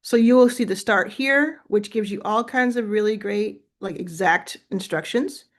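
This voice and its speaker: In a relaxed live coaching chat, a female host talks business in a mid-range voice at a moderate pace. She keeps things chatty and encouraging, handing out feedback and reasoning aloud.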